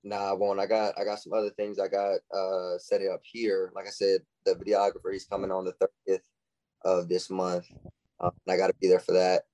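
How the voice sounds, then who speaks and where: A young man speaks as a guest on a podcast in a loose, casual way. He keeps acting out little quoted exchanges, so his pitch leaps up and down. The sound is close and dry. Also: brisk, dry recording, rough recording. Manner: animated, acts out quoted lines in shifting voices. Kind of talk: casual chat.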